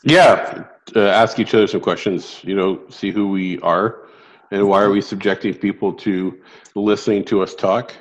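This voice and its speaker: A middle-aged man co-hosts a podcast in casual conversation. His voice sits fairly low and has a rough, gravelly rasp like sandpaper. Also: steady tone, moderate pace, highs cut off. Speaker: podcast co-host. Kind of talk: casual chat.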